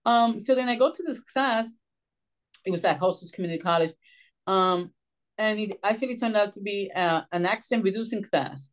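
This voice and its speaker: Telling her life story in an interview, this middle-aged social worker and writer from Puerto Rico speaks at a moderate pace in a medium pitch, lively as she mimics the voices she quotes.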